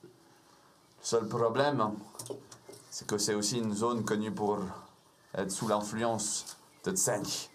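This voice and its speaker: A man running a tabletop role-playing game as game master, narrating in a measured, grave way. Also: fairly low pitch, flat delivery, a little hiss or hum.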